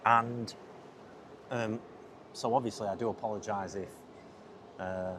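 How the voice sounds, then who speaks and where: A lowish voice with fairly even intonation, a little slow, carries this man's casual podcast talk. He is a filmmaker hosting the show outdoors on a busy city riverside, chatty, distractible, and prone to interrupting himself. Loud outdoor sound fills the lapel mic recording.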